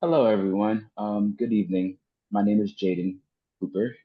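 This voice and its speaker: A man's voice: fairly low pitch, fairly even intonation, normal speed, husky, narrow, tinny audio. A man from New York introducing himself politely and formally on a video call.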